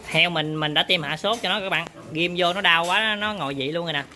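A man's voice: on the high side, a little fast, bright, forceful tone, slight background noise. A man casually talks viewers through work in his pig barn, often turning to address them. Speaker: pig farmer vlogger. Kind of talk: casual on-farm demonstration.

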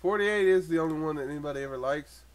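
A young gaming channel host chats crudely with a friend while playing a video game, talking very fast in a voice on the high side. He's loud, laughs often and lets out sudden yelps now and then.

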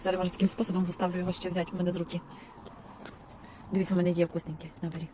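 Cars rush past and animals can be heard as a woman feeds stray dogs by a roadside dump, chatting to them for her vlog in a sing-song baby-talk voice. Her pitch is fairly low and her delivery flat, and she talks at a racing speed.

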